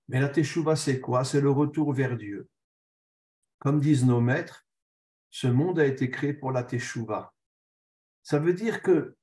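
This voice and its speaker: A man's voice: mid-range voice, dark tone. A man, a rabbi, giving a religious text lesson. He reads short passages aloud, then explains them earnestly in plain terms. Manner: earnest, repeats key phrases for emphasis. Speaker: rabbi teaching.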